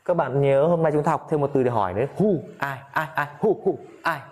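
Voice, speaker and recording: A Vietnamese-speaking man with a fairly high, darkish voice teaches an English lesson casually. He repeats phrases slowly and often turns to address his listeners.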